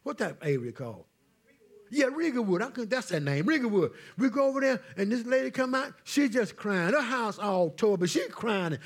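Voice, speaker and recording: A man preaching to his church in a husky, breathy voice that sits high for a man. He calls out to the congregation and drops to near whispers, working the room in a call-and-response style. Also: big pitch swings, moderate pace. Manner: call-and-response preaching, swings from loud to hushed. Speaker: pastor. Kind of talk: sermon.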